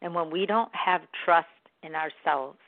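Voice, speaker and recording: Woman, encouraging self-help talk, gentle and reflective, tinny phone-like sound, dry. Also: fairly low pitch, unhurried, no echo.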